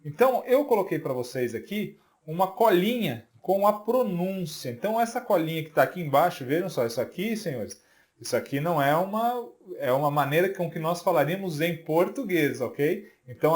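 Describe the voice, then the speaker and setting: A Brazilian man teaches a beginners' English video lesson, patiently drilling letters one at a time and often checking in with the viewer. His voice is a little high, animated, and fairly quick.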